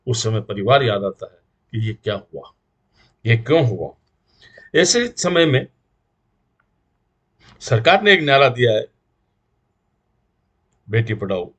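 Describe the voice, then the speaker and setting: A man's voice: fairly low pitch, breathy edge, dull audio. A middle-aged man with a Rajasthani Hindi accent, making an earnest moral appeal to the community as a guest speaker, preaching in rhythmic repeated lists. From India.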